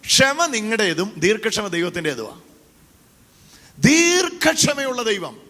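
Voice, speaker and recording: A man's voice: sits high, sing-song, slow pace, pushed and bright. A man preaching a call-and-response sermon into a handheld mic, urging the congregation to repeat after him. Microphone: handheld microphone. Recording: echoey hall reverb.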